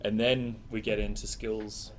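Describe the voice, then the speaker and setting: A man's voice: fairly low pitch, little pitch movement, a little slow, a little hiss or hum. A man hosting a casual live stream chat, rambling and joking. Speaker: host.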